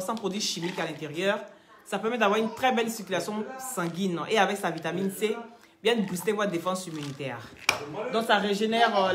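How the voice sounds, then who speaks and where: Chatty woman selling on a live stream. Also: medium pitch. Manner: teasing and scolding, chatty, addresses viewers directly. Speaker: live-stream product seller. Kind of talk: casual live-stream chat and sales pitch.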